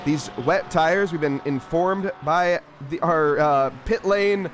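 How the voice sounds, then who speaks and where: A man giving casual, animated play-by-play commentary on a live race. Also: on the high side, slow, faint music behind. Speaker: sim racing commentator. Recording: clear engine and car noise behind. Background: race car sounds.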